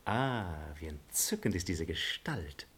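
An actor playing a smooth-talking noble seducer in a radio play, speaking in lavish flattery with theatrical swells. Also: male voice, mid-range voice, a little fast. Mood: wooing. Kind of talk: broadcast radio play acting.

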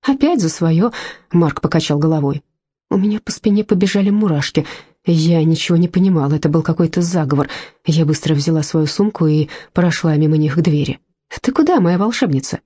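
Calm, husky woman narrator. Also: low-pitched, no echo, studio quality. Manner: calm, measured reading. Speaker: audiobook narrator. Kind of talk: first-person audiobook narration.

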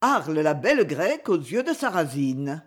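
A reader voicing a proud young English duke, speaking in measured, haughty sentences. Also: mid-range voice, big pitch swings. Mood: courteous.

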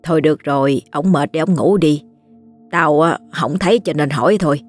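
A woman's voice: low voice, moderate pace, soft background music. A woman voicing a bossy, scolding old grandmother with a Southern Vietnamese accent. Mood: grumbling. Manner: gruff, scolding.

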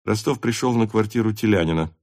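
A man narrating a classic novel as an audiobook in a steady, measured reading. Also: lowish voice, no echo, clean studio sound.

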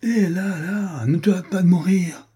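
A man voicing a shy young Huguenot nobleman who speaks gently, in an audiobook reading. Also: mid-range voice, moderate pace, slightly rough. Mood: gentle.

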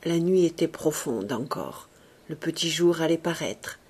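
Woman reading a novel, husky and mellow. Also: deep voice. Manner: expressive, measured reading. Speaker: audiobook reader. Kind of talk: literary audiobook narration.

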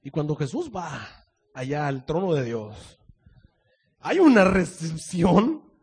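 A male preacher telling a sermon story dramatically, swinging from loud proclamations to hushed asides. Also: a little high, big pitch swings, slow, husky.

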